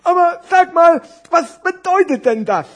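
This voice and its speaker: A man's voice: extremely high pitch, lively intonation, measured pace, pitched above the performer's own voice. A dim, curious fat scarf gift, as a man puts it on. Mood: puzzled. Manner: naive, mixes up words. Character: thick, slow-witted scarf gift, curious.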